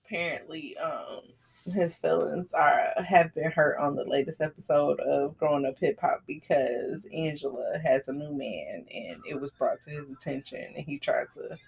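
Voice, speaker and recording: Low-voiced woman dishing gossip. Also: moderate pace, vocal fry, breathy edge. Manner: animated storytelling, dramatic retellings. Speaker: podcast co-host. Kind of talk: casual celebrity gossip chat.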